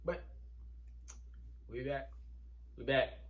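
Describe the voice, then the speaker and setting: A man's voice: mid-range voice, extremely slow, phone-quality sound. Man, co-host, laid-back, repeats words, casual chat. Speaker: co-host of a wrestling reaction channel.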